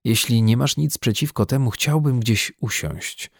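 A man's voice: mid-range voice, unhurried, gravelly, husky, no room sound, clean studio sound. A man voicing a shaken young student. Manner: urgent shouting, then breathless and shaken.

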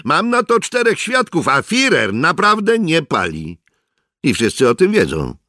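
Mężczyzna czyta, grając ironicznego, niedbałego żołnierza. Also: male voice, on the high side, wildly swooping pitch, measured pace, sharp tone, no room sound, studio quality, pitched above the performer's own voice, full character voice. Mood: ironic. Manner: ironic, offhand. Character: ironic cool-headed male soldier.

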